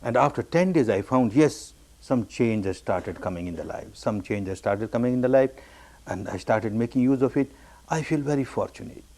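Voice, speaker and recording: Man from burma giving a meditation talk, says things over and over, pitch jumps way up on the big words. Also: lively intonation, normal speed, a little mellow. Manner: repetitive, emphatic phrasing with sudden high rises on key words. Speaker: meditation teacher. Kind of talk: dharma discourse recounting his own story.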